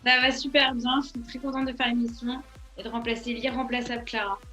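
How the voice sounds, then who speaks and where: A woman's voice: on the high side, flat delivery, brisk, sharp tone, faint music behind. A young woman, co-host of a radio show, introducing a guest and playfully questioning her. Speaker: co-host, columnist. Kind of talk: radio segment, leading an interview.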